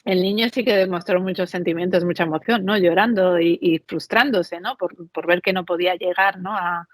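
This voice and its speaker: A woman's voice: on the low side, moderate pace, dry recording. Chatty woman guest, tag questions. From Mexico and Spain. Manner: chatty, animated storytelling with frequent tag questions. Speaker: podcast guest. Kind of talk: conversational interview.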